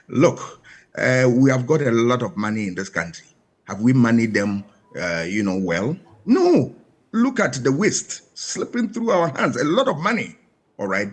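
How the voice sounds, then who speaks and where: A man's voice: medium pitch, breathy edge. A man with a Ghanaian English accent, a panel guest giving emphatic commentary full of rhetorical questions.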